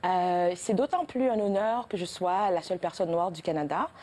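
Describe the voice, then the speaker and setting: A woman's voice: lowish voice, moderate pace, mellow. A woman in her thirties from Haiti with a Haitian French accent, answering as the guest in a TV interview, earnest, with frequent fillers and restarts.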